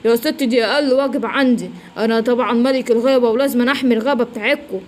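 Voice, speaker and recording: A woman's voice: fairly high pitch, very fast, voice pushed down, natural voice. A woman playing a brave Egyptian-accented lion king. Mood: proud. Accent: Egyptian Arabic. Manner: boastful, protective, exaggerated. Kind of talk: children's story voicing.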